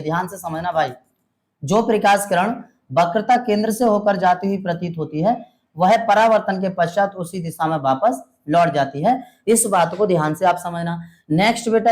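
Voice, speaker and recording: A male science teacher giving a classroom lecture. He repeats each rule slowly, keeps asking the students quiz-like questions and calls them "beta" and "mere bhai". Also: high-pitched.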